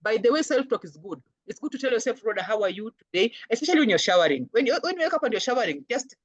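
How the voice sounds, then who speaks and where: A woman with a Kenyan accent giving a lively counseling talk, acting out little voices when she quotes people. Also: on the high side, rapid-fire, husky, no room sound, muffled recording. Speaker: guest speaker, counselor. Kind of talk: lecture-style talk.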